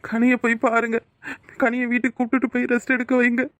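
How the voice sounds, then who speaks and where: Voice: mid-range voice, monotone, fast talker, fairly bright tone, no room sound, natural voice. A performer voicing a grieving young policeman husband in a cartoon, despairing and resigned. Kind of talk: cartoon voice acting.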